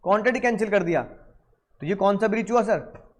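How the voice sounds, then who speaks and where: A man teaching commercial law in a lively, playful lecture, acting out buyers and sellers in quick asides. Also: high-pitched.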